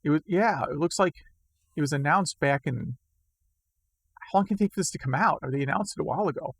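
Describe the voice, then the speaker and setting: Gravelly man losing his voice. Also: on the high side, quick pace. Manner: rambling, self-deprecating. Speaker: podcast co-host. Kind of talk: casual chat.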